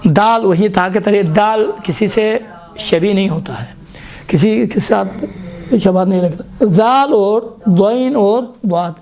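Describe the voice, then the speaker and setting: A man's voice: sits high, a little mellow. Man teaching recitation, sounding out letters. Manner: repeatedly demonstrates letter sounds aloud, prompting "look". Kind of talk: classroom tajweed lesson.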